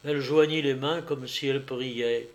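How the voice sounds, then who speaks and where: A man narrating a classic novel as an audiobook in a measured, expressive way. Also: mid-range voice.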